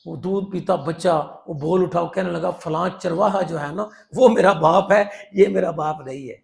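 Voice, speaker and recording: A man preaching a sermon in a storytelling way, acting out the people in his stories and swinging between loud and quiet passages. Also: high voice, gravelly. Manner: animated, acts out quoted voices, swings from loud to soft.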